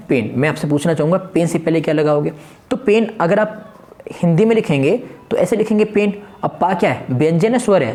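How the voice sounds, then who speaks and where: A man's voice: a little high, a little mellow. A man teaching a grammar lesson for an exam in speech. He keeps asking questions and answering them himself.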